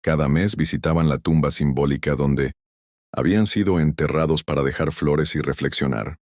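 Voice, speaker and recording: A man narrates a sentimental story in a measured, solemn manner. His voice sits extremely low. The recording is dry and close. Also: a little mellow, no echo.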